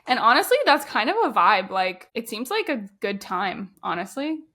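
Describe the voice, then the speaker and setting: A woman's voice: medium pitch, big pitch swings, normal speed, sharp tone. A woman co-hosting a podcast, casually and animatedly retelling movie scenes. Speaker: podcast co-host. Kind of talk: casual chat.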